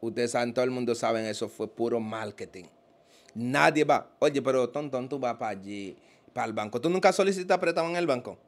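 A man's voice: medium pitch, brisk. A Dominican man talks as a guest in a casual interview. He tells his stories with a lot of life and acts out the voices of the people in them. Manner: animated storyteller, acts out quoted voices.

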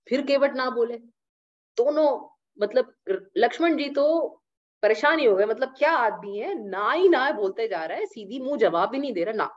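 A woman teaching a scripture class, retelling the story in an animated way with English asides, in a dull lo-fi recording. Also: on the high side, normal speed.

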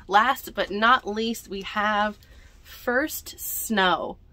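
Very slowly and at medium pitch, a woman in her twenties reads a picture book to kids at a library storytime. She sits indoors among the bookshelves, reading expressively. She tosses in chatty asides and speaks directly to her young listeners.

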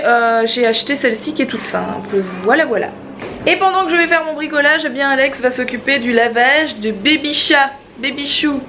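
Young woman vlogging at home, kinda high voice, bit of a lisp w slushy s and sh, noisy camera audio. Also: fairly bright tone. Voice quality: slight lisp, slushy sibilants, stumbles on sh sounds. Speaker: family vlogger. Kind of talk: casual chat to camera. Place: small room at home. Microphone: camera held at arm's length.

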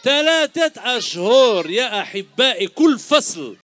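A man's voice: very high-pitched, very animated, unhurried, a bit bright, dry recording. A middle-aged man with an Algerian Arabic accent, hosting a children's show on an outdoor stage, teasing kids with quiz questions into a handheld microphone. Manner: teasing, jokey, calls kids "my dears". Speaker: children's entertainer host. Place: outdoor stage before a large crowd of children.

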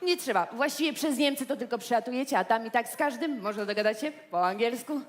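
A woman in a stage comedy sketch, playing the boss's daughter who briskly hands out orders. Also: a little high, lively intonation, a little hiss or hum.

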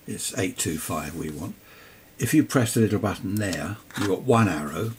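An older southern English man, 60s or 70s, rambles casually through an unscripted demo for his amateur radio video, tossing in asides and questions to himself. His voice sits low with lively intonation and a moderate pace. A little hiss or hum hangs over the recording, made in a cluttered home radio workshop.

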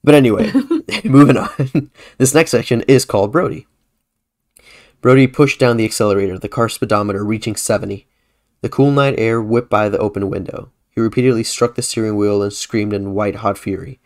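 A man hosting a podcast who reads his own horror story aloud in a casual way, often correcting himself. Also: on the low side. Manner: casual, self-correcting reading. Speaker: podcast host.

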